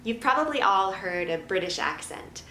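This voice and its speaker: A woman teaching a children's drama lesson in a gentle, clear, instructive way. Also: medium pitch, big pitch swings, normal speed, a little hiss or hum. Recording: roomy echo, faint ambience.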